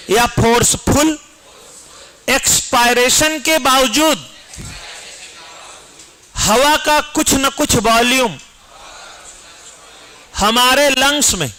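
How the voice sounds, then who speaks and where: Man, biology lecture, very high voice, bright tone, questions to the class. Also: rough recording. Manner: dictates notes slowly, asks the class questions. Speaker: biology teacher. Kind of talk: exam-prep lecture.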